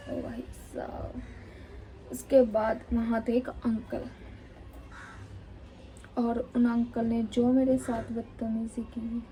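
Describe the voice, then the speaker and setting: A woman's voice: a little high, mellow, slight background noise, poor audio. Indignant woman vlogger from Chandigarh. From Chandigarh, India. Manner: indignant, emphatic retelling with many repetitions. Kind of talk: storytime vlog.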